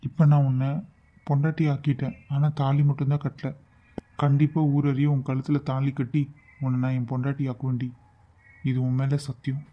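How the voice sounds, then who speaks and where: A man's voice: medium pitch, flat delivery, normal speed, lo-fi sound, close to an everyday voice. A man voicing a devoted young lover. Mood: earnest. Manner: emphatic, coaxing, pleading. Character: young man in love, earnest and protective. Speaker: voice actor. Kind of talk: cartoon voice acting.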